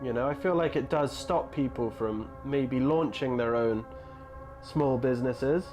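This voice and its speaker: Thirties male hobby streamer, relaxed and rambling, average pitch, soft music bed behind. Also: measured pace. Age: 30s. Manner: chatty, rambling, answers chat messages. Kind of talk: casual live-stream chat.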